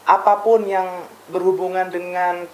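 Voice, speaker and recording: A young woman, a recent graduate and community founder, answering in a relaxed way and pausing often to find her words. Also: on the low side, reverberant, slight background noise, poor audio. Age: young adult. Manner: relaxed, drawn-out, searching for words. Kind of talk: casual interview answers.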